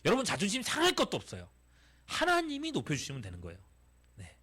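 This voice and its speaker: A man's voice: high-pitched, quick pace, husky. A middle-aged man, a youth pastor, preaching a sermon to teenagers and asking them question after question. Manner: animated, asks the audience many questions.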